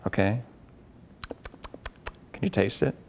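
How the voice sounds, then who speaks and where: A man working as a therapist in a live demonstration before a group, coaching a client with quick probing questions and repeated words. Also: fairly low pitch, animated, creaky, darkish tone, slight background noise. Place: room with an onlooking group.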